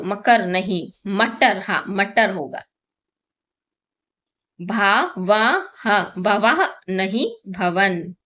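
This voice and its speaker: A woman teacher slowly walks through a first-grade exam paper, counting aloud and answering her own questions. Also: a little high, bright, forceful tone, highs cut off. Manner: slow, patient, counts aloud and asks questions then answers them.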